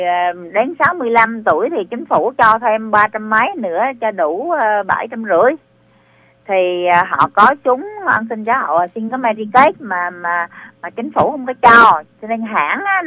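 Bright, hesitant woman caller. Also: mid-range voice, dry recording, dull audio. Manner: hesitant, repeats words while explaining. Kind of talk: call-in question.

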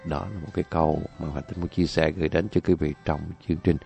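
A man's voice: very deep voice, level tone, fast, creaky, warm tone, soft background music. A man telling folk tales on a radio program, chatty and addressing the listeners directly. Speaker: radio storyteller. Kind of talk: folk-tale storytelling.

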